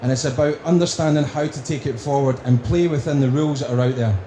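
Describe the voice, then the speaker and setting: A man with a broad Scottish accent giving a prepared conference talk, speaking deliberately in emphatic lists. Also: mid-range voice, warm tone. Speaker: conference speaker, company director. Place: indoor conference room. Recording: roomy, echoing venue with faint noise.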